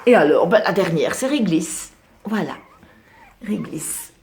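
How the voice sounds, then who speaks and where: A woman with a low, gravelly voice talks casually to her phone while showing a litter of puppies at home, cooing fondly at each one. Dog sounds and clear background noise run under the phone recording. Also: expressive, unhurried. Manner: coos fondly at the puppies between explanations. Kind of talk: casual phone video commentary. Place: indoors at home, near a radiator. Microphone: phone held in hand.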